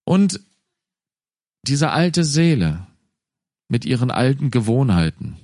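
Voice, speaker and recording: Animated, slow-speaking German-language preacher man. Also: mid-range voice, no room sound, clean studio sound. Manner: animated, acts out inner voices in quotes. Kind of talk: sermon.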